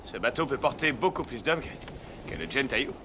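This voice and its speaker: A man's voice: mid-range voice, very animated, normal speed, background noise, close to an everyday voice. A man playing a proud, good-humoured island king and warrior leader in a dubbed film. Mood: playful, curious. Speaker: film voice actor. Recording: film soundtrack with music behind.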